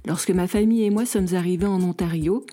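A woman's voice: lowish voice, fast talker, dark tone. A woman from France, a parent, hosting a podcast in a friendly, informative way with light self-mocking asides. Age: adult parent of school-age children. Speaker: podcast host. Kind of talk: scripted podcast narration.

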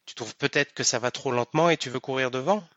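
Man voicing a gruff captain, coaxing, coarse, dull dry recording. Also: mid-range voice, fast talker, fairly bright tone, no room sound, close to an everyday voice. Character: gruff wheedling ship captain.

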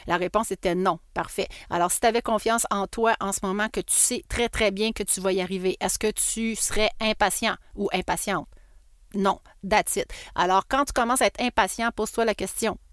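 A middle-aged Québécois woman gives motivational coaching in a solo podcast. She talks in an animated, emphatic way and leans on repeated phrases. The sound is close and dry, with a mid-range voice. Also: mid-range voice, no echo.

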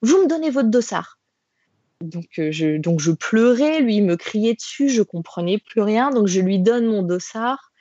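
A woman's voice: mid-range voice, expressive, a little slow, warm tone, dry recording. A woman guest recounting a race in a casual interview, talking animatedly with many fillers and restarts. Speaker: podcast guest, trail runner. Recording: dull lo-fi sound.

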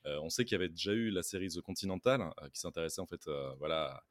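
A man co-hosting a pop-culture podcast, chatting in a relaxed way with fillers. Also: low-pitched, fast talker, no room sound. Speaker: podcast co-host. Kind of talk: casual pop-culture news chat.

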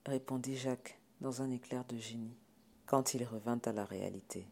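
A man reading a comic story aloud in a wry, deadpan narration. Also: medium pitch, moderate pace, creaky, slight background noise.

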